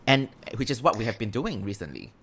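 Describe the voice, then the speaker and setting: An excitable, playful Singaporean podcast co-host bantering casually in Singlish slang, slipping into Mandarin. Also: mid-range voice, a little fast. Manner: excitable, playful, breaks into laughter and song.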